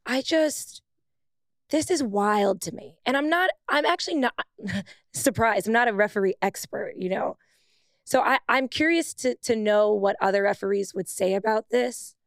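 A young woman co-hosting a casual sports podcast, animated and emphatic, laughing often. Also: on the high side, normal speed, no echo, studio quality. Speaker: podcast co-host, former pro soccer player. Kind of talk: casual chat.

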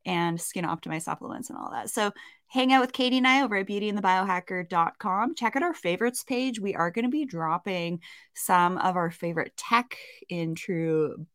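Canadian lady cohost rambling w jokey asides, lower voice, dry close mic. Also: normal speed, a bit bright, dry recording. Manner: chatty, self-mocking, rambling asides. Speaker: podcast co-host. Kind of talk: casual podcast chat.

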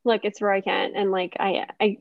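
A woman's voice: mid-range voice, level tone, moderate pace, gravelly, dry recording, lo-fi sound. A woman guest on a podcast, chatting shyly with giggles and trailing sentences. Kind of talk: casual chat.

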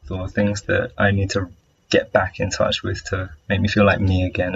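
A man's voice: lowish voice, creaky, lo-fi sound, slight background noise. A man from the UK with an English accent, earnestly sharing a personal story with a few hesitations. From United Kingdom.

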